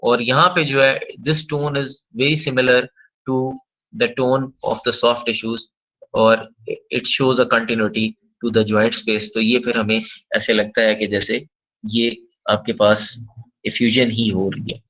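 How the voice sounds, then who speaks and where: A male physiotherapy lecturer giving a recorded radiology lesson, explaining in Hindi and slowly reading English textbook lines aloud. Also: medium pitch, flat delivery, a bit bright, lo-fi sound.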